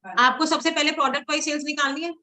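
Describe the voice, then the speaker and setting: A woman's voice: high voice, fairly even intonation, fast talker, sharp tone, poor audio. A woman teaching SQL in a screen-recorded lesson, mixing Hindi and English and quizzing her students as she types queries. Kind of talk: live coding lesson.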